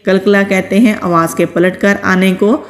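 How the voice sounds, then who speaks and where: A woman teaching recitation in a patient, step-by-step way, reciting each word slowly. Her voice sits at an ordinary middle pitch for a woman. A long reverb trails behind her words. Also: steady tone. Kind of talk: recitation lesson.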